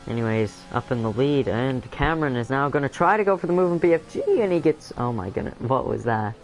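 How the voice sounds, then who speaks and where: A man's voice: medium pitch, fast talker, gravelly, soft background music, poor audio. A young man giving live commentary on a sim-racing league, rambling with many fillers and self-corrections. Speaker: race commentator.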